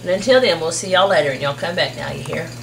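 A woman's voice: fairly low pitch, animated, fast. Folksy woman cooking at home. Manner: folksy, homey, step-by-step. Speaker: cooking show host. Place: home kitchen with wooden walls. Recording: noisy home camcorder audio.

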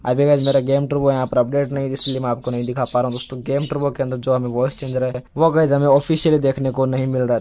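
This man's warm, medium-pitched voice carries a slight hiss or hum in the background. He hosts a tech video explaining a smartphone update in a relaxed way, going over points again and again while addressing the audience as friends.

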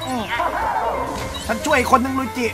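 A man commentating live on his own gameplay, excitable, with loud exclamations and repeated cries. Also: normal speed. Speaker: game streamer. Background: game music.

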